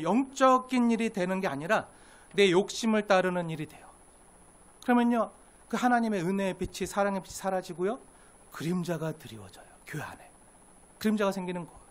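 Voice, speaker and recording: A male pastor preaching a sermon in an earnest way, rising to emphatic lines and dropping to hushed asides, acting out quoted complaints. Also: high-pitched, a little fast. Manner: acts out quoted complaints in a sharper, pushier voice.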